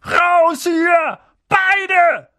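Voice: very high voice, extremely slow, pushed and bright, no echo, studio quality, pitched above the performer's own voice, heavily acted. An audiobook narrator voicing a blustering middle-aged uncle who bellows and splutters. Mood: furious. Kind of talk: audiobook character voice.

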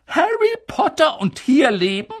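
A reader voicing a stern older female professor, speaking high, strained and urgent in an audiobook. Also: very animated, a little slow, slightly rough, full character voice. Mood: indignant. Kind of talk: audiobook character reading.

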